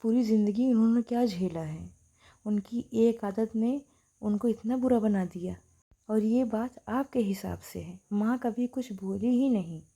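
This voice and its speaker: Brief: outspoken young daughter, played by a woman, firm and loud. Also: fairly high pitch, a little slow. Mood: angry. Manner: firm, raised, forceful.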